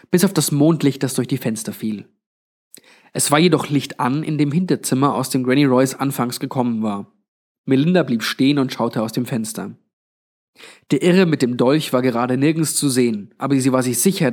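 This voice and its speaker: A man reading a suspense story aloud in a measured storytelling manner. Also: mid-range voice. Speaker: audiobook narrator. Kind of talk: scripted narration.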